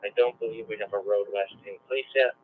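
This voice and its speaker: A man's voice: on the low side, fairly even intonation, quick pace. A man working a road checkpoint, reporting over a two-way radio in clipped radio procedure with call signs and sign-offs. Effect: two-way radio transmission. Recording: tinny two-way radio with hiss.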